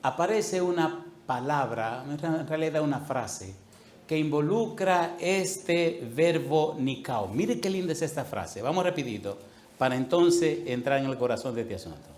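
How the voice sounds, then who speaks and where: A male pastor preaching a sermon, telling an animated story and acting out the voices in it. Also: fairly high pitch, a little slow, slight background noise. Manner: animated, acts out voices in anecdotes. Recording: echoey room.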